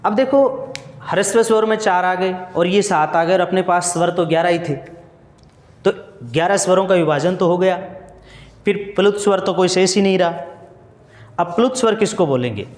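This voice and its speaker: A male teacher with a high voice gives a grammar lesson to exam students at a moderate pace, leaving long pauses. He works through it step by step, poses questions and answers them himself, and repeats the key points, all in an echoey room with long reverb.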